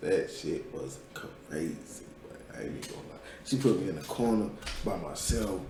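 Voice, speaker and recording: A man's voice: sits low, animated, moderate pace, echoey room, background noise. A man hosting a podcast, telling loose, profane stories in casual chat. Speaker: podcast host.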